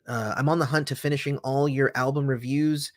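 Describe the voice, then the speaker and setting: Reading comments from his livestream chat, a man gives loose, rambling replies packed with fillers and restarts. His medium-pitched voice is steady and brisk, and the clean studio recording has no echo.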